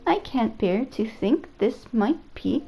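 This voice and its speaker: A polite robot AI caretaker frets over a human's safety, as a woman reads his lines from a video game. The voice sits a touch high with a gravelly fry running through it. Soft game music plays faintly underneath. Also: lively intonation, slow, heavily acted, poor audio. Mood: earnest. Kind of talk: reading game dialogue aloud.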